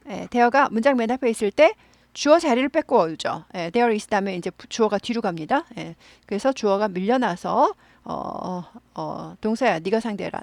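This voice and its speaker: A woman teaching English in Korean, explaining grammar patiently and slowing down to model English phrases for repetition. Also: medium pitch, no echo. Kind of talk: online English lesson.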